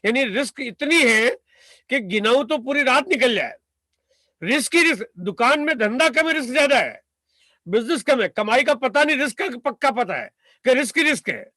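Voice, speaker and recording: Brief: man from India, motivational business speaker, high voice, dry close sound, hammers points with repetition. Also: animated, normal speed, bright, forceful tone, no room sound. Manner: emphatic, rhetorical, piles up repeated phrases and asks "right?". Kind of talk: motivational talk to a business audience.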